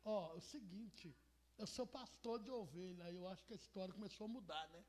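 A woman preacher with a deep gravelly voice voicing the young shepherd David in a sermon retelling. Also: fairly quick, darkish tone, natural voice. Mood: earnest. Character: young shepherd David, humble but bold.

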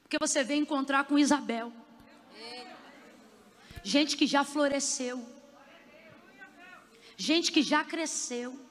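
A woman preaching a passionate sermon at a conference, rising into fervent shouts as she exhorts the crowd. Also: high voice, slow, long pauses. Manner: impassioned, building to shouts. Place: conference hall. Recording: long hall reverb.

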